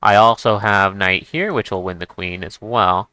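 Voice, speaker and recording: A man's voice: fairly low pitch, fairly even intonation, normal speed, pushed and bright, clear, resonant tone, no echo. A man giving casual chess commentary as he plays, thinking aloud and restarting his sentences. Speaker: chess streamer.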